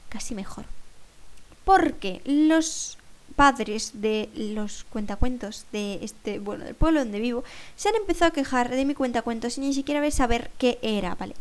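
A young woman hosting her own podcast, chatting and ranting in an exasperated way. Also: on the high side. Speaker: podcast host. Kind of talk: casual monologue.

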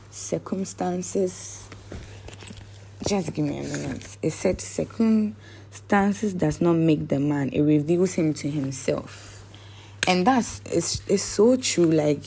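A woman's voice: fairly low pitch, gravelly, mellow, breathy edge. A woman giving a rambling motivational talk, often searching for words. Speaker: vlogger.

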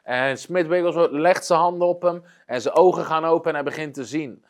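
A man's voice: a little high, fairly quick. A man preaching, retelling a story earnestly, with frequent hesitations. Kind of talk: storytelling sermon.

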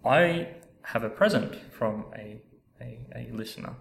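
Male podcast co-host, gravelly creak, rambling casual chat, roomy echo and faint noise. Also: mid-range voice, animated, measured pace. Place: echoey university room. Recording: echoey room with background noise.

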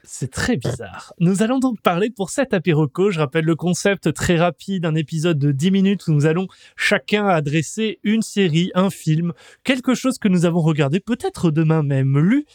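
A man's voice: on the high side, lively intonation, moderate pace, hardly any pauses, a little mellow, dry recording, clean studio sound. A man hosting a casual podcast chat, joking and announcing the topics. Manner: jokey, leads the show, announces topics. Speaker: podcast host.

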